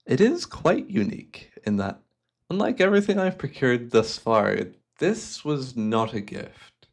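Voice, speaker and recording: A man voices a devious, cultured hypnotist and collector in a fantasy ASMR roleplay, speaking in florid, theatrical phrases with a soft, coaxing manner. His mid-range voice is sing-song and measured in pace, and he sounds proud and musing.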